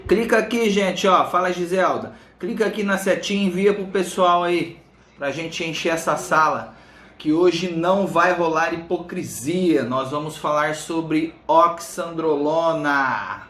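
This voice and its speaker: Brazilian male live-stream host, higher-pitched voice, informal greetings, slightly swollen-tongue speech, roomy echo. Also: unhurried, a bit bright. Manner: chatty, informal, addresses viewers by name. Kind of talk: casual live chat greeting viewers. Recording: roomy, echoing room sound.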